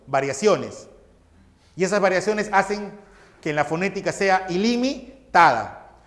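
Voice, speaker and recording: A male teacher giving a recorded class lecture, explaining step by step and asking his students questions that he then answers himself. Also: sits high. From Peru.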